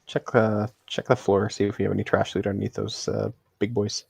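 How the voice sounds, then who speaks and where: A man's voice: lowish voice, little pitch movement, a little fast, creaky, slightly rough, no echo. A man calling out raid moves in gaming voice chat, giving short commands and thinking aloud.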